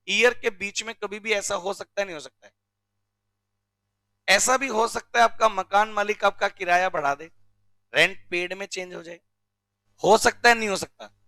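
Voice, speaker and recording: A male teacher from India giving a classroom lecture, drilling rules slowly and often checking with questions. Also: high-pitched, pushed and bright, dry recording. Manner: recites rules slowly word by word. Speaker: commerce teacher.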